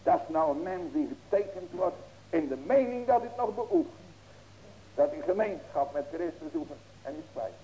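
A male pastor preaching a sermon, asking rhetorical questions and breaking into loud raised cries. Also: high-pitched, very animated, normal speed, creaky, low-quality recording.

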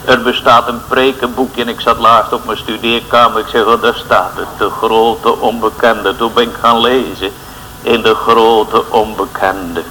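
A man's voice: lowish voice, level tone, unhurried, bright, forceful tone, slight background noise, low-quality recording. Fervent pleading preacher man. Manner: fervent, pleading, addresses listeners as boys and girls. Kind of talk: sermon. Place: church.

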